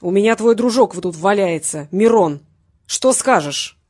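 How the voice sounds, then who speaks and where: A woman reading an audiobook, voicing a tough sarcastic man who threatens a rival over the phone in a loud, mocking way. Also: mid-range voice, lively intonation, moderate pace, natural voice.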